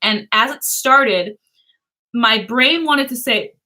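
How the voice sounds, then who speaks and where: A woman's voice: fairly high pitch, slow, pushed and bright, poor audio. A woman chatting casually as a livestream co-host, reflective and loosely phrased with a giggly manner.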